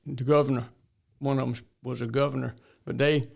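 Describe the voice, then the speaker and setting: A man's voice: mid-range voice, level tone, fairly quick, vocal fry. An older man from north Florida with a rural Southern drawl, telling stories in a folksy way as an interview guest. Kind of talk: storytelling interview talk.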